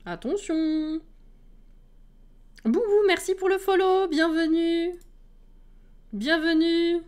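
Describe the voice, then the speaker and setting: A woman's voice: very high voice, slow pace, a little mellow. A woman streamer in casual chat with her viewers, laughing often and greeting people as they come in.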